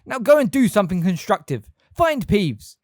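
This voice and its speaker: A reader voicing a stern older woman who gives sharp, scolding commands. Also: medium pitch, sing-song, fast, no room sound, studio quality, pitched above the performer's own voice, lightly acted. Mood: commanding.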